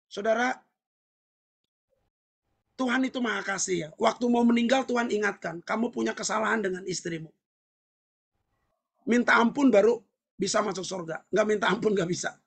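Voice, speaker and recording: Seorang pendeta pria menyampaikan khotbah dengan penuh semangat, sering berseru dan tertawa di sela poin. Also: male voice, very high voice, husky. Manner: animated, shouting and laughing between points. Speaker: pastor. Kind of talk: sermon.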